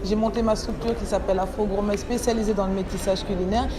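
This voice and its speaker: A woman's voice: medium pitch, fairly even intonation, very fast. A woman who runs a catering business, speaking effusively about a summit, with some stumbles. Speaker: event caterer, business owner. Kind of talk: conference testimonial. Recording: noisy ambient background.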